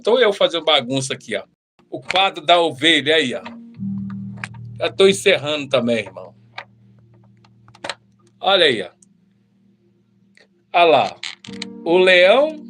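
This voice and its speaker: A man, a missionary telling his own testimony in a lively preaching way, often calling the listener brother. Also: a little high. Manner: animated, addresses listeners as brother.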